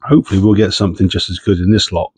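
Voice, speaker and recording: Here the coin-hunting host speaks low and rapid-fire with fairly even intonation, a darkish tone and a breathy edge, recorded with no room sound. Nursing a head cold, he sniffs through a chatty, understated, self-deprecating chat as he sorts coins for the channel.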